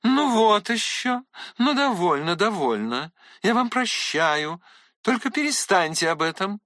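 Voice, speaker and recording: A man reading a gentle, teasing young noblewoman's lines in an audiobook, soft and indulgent. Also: high voice, a little slow, no room sound, clean studio sound. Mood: impatient.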